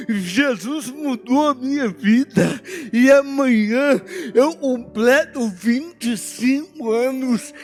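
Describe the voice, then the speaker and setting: A Brazilian preacher from Minas Gerais with a very high voice speaks slowly and with feeling. He tells a story from his own life and acts out the dialogue. Soft church music plays behind him. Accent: Brazilian Portuguese, Minas Gerais. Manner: emotional storytelling, acting out dialogue. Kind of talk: sermon with personal story.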